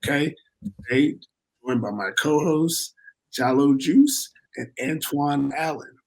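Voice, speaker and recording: A man hosting a sports podcast, hoarse and straining because he has lost his voice. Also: on the high side, animated, slow, a little mellow, low-quality recording. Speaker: podcast host.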